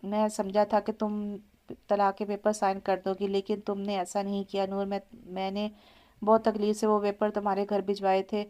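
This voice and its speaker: A teasing, affectionate young husband from an audio romance novel speaks, voiced by a woman narrator. His playful tone stays close to the narrator's own flat, level voice. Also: medium pitch, normal speed, close to an everyday voice.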